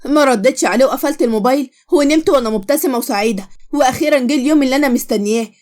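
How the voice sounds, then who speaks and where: A woman with an Egyptian Arabic accent narrating a story and voicing all of its characters. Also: high-pitched. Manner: quick, expressive, switches voices between characters.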